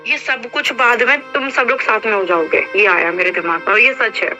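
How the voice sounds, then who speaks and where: Over a muffled recorded phone line with music behind, a young woman speaks at a moderate pace in a fairly high, sharp voice. The private call is heated: she presses her point insistently, sounds aggrieved, and keeps talking over the other person.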